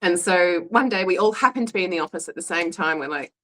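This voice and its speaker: A woman's voice: on the low side, fast talker, fairly bright tone, low-quality recording. An Australian woman in her forties candidly telling a personal story in a chatty, frank way. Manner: frank, chatty, restarts and fillers, acts out quoted voices.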